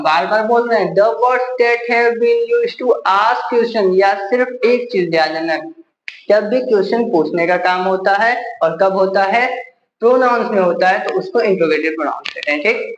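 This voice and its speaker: A male teacher with a Hindi accent, his voice pitched high, explains grammar by asking the class questions and answering them himself. The recording sounds echoey, with a faint hiss underneath. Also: muffled recording. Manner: repeats rhetorical questions to the class.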